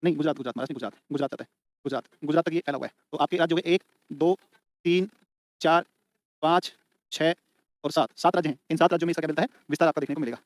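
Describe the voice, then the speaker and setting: A man lectures for exam prep in a colloquial manner, addressing students as beta and bhai and repeating points many times so they can write them down. His voice is on the high side and fast, broken by long pauses, in a dry recording.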